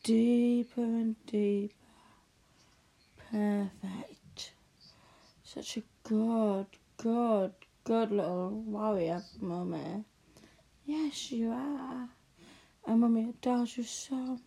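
A woman talks in a hushed, unhurried ASMR roleplay, calming and tender. Her voice is mellow and gravelly with fry at the edges. She often sinks into whispers. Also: on the high side. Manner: soft, soothing, slow and hushed, often drifting into whispers.

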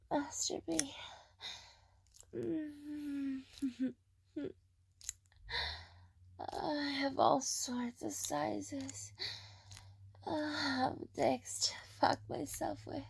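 A woman in an intimate roleplay recording, breathy and often whispering, pleading slowly with soft moans between her words. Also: sits high.

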